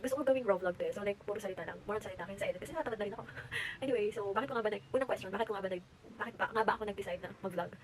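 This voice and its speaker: A woman's voice: mid-range voice, rapid-fire, few pauses, a little hiss or hum, low-quality recording. A young woman, chatting animatedly at home as she tells a story for her vlog. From Philippines. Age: late teens. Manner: chatty, animated, mixes English into Tagalog. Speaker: vlogger.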